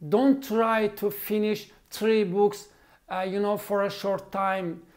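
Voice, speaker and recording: Slow, hesitant woman in her forties. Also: mid-range voice, little pitch movement, darkish tone. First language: not English. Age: 40s. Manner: unhurried, hesitant, with many fillers and restarts. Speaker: language learning vlogger. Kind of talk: casual advice talk to camera.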